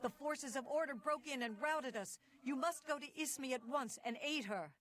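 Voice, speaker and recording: A woman's voice: high voice, normal speed, a bit bright. A woman playing a loyal soldier messenger in a fantasy game, formal and urgently pleading. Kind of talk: fantasy game character acting.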